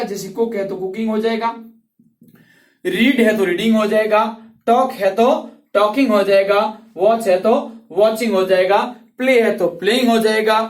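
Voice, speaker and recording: A male English tutor explaining grammar rules slowly and patiently, repeating each word and drawing out its sounds. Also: sits high, distant mic. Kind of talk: classroom grammar lesson. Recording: roomy, voice from off the mic.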